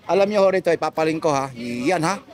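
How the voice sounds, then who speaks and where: Male street vlogger, high voice, chatty patter full of tag questions, outdoor market, phone camera. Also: expressive, fast talker. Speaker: vlogger showing goods at a market stall. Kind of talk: casual street vlog chat.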